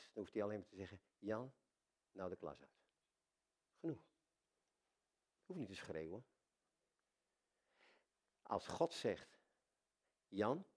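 An older man preaching a sermon, talking to God as his dad, swinging from soft intimate asides to loud excited exclamations. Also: lowish voice. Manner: addresses God casually as dad.

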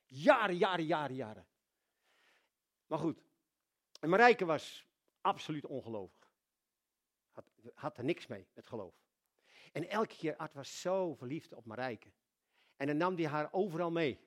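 A man preaching a sermon, telling stories with sudden swings in loudness and frequent repetitions. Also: a little high, expressive, a little slow, pauses often.

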